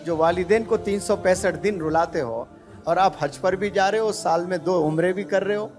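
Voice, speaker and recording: A man's voice: sits high, darkish tone, faint music behind. A male preacher giving an earnest sermon, putting rhetorical questions to young people.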